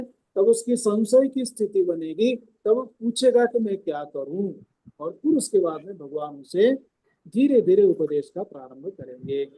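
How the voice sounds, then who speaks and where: A man teaching a scripture discourse at an ashram. He speaks loudly and emphatically and explains the verses term by term. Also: sits high, rough recording. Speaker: spiritual teacher.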